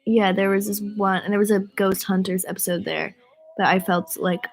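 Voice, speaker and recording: Chatting casually with fans on a livestream, a young woman from the United States who is a singer rambles through stories full of "um" and "like" while nursing a stuffy cold. Her mid-range voice stays level at a normal speed, with a bit of hiss or hum audible.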